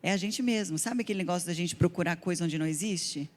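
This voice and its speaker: A woman's voice: on the low side, fast talker. A woman giving a conference talk to women, telling stories earnestly and acting out quotes. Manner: earnest, animated storytelling with acted-out quotes. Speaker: conference speaker. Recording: long hall reverb.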